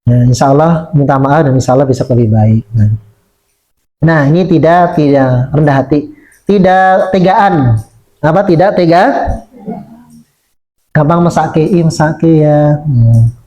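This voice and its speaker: Male Islamic teacher, mellow and a bit high, lively lecturing, dull lo-fi sound. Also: a little slow, pauses often. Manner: lively, acts out children's quoted speech. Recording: muffled lo-fi recording.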